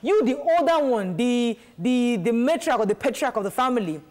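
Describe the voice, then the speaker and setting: A woman's voice: a little high, normal speed. Woman hosting a studio panel. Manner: animated, gestures while talking, acts out quoted voices. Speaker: talk show host. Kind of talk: casual panel discussion. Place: TV studio set.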